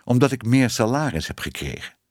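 A man's voice: medium pitch, very animated, a little fast, a little mellow, dry recording, studio quality. A man voicing a polite, earnest young man offering a gift and an invitation.

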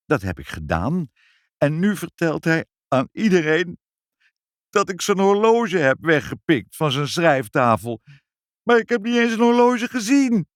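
A broken, tearful bookkeeper stammers out his words in a high, quavering voice that swings wildly, as a man reads him. The sound is close and dry, with no room around it. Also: big pitch swings, a little slow, no room sound. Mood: distraught. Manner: sobbing, stammering, high and strained. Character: tearful, broken middle-aged male bookkeeper.

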